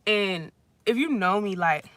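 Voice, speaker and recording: At a friend's house, a twenties vlogger unloads a casual storytime rant, unhurried and expressive, packed with "like" fillers and blunt profanity. The medium-pitched voice is a bit bright, and the recording is dry.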